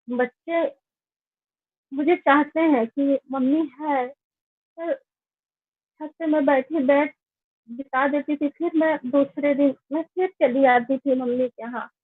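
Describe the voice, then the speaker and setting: High-voiced woman telling her story, phone-like sound. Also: no echo. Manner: slow, earnest, plain recounting. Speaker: network marketing member giving a testimonial. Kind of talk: personal life-story testimony. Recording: tinny phone-like, dry sound.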